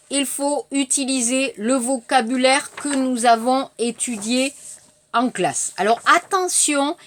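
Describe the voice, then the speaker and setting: A woman teaching a French lesson, repeating each phrase slowly and clearly for learners and correcting their mistakes. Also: high-pitched. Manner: corrective, instructive. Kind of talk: language lesson with pronunciation drills.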